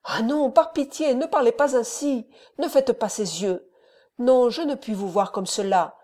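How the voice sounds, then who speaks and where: A woman's voice: a little high, expressive, unhurried, warm tone. A woman voicing a frightened young woman who pleads in a raised, tearful tone. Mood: pleading.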